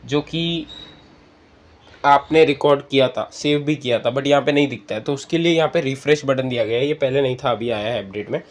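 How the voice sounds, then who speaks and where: Talking a little fast in a mid-range voice, the host of a screen-reader app tutorial explains each step aloud and addresses his viewers as friends.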